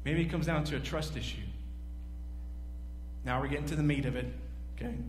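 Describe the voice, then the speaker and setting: Animated pastor preaching in an echoey church. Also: male voice, a little high, fairly quick. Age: 40s. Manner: animated, pacing the stage and gesturing; rhetorical questions to the congregation. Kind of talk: sermon. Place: large church stage. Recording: echoey hall, faint hum.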